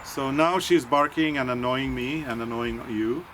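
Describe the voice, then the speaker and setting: A man's voice: medium pitch, unhurried, fairly bright tone, a little hiss or hum. A man co-hosting a podcast, chatting casually and meandering with fillers and restarts. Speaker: podcast co-host. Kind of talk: casual chat.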